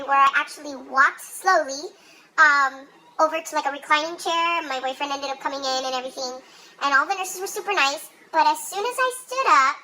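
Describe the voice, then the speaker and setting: A woman's voice: sits high, sharp tone, slight background noise, low-quality recording. A young woman with a congested, blocked-nose sound, telling a story casually in exasperated, sweary, emphatic slang.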